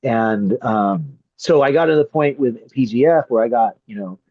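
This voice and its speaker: A middle-aged man, a grappling referee and coach, chatting as a podcast guest; he tells stories with lively energy, swears freely, and acts out the people he quotes. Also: mid-range voice, moderate pace, breathy edge, no echo. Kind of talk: casual chat. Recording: slightly muffled dry podcast audio.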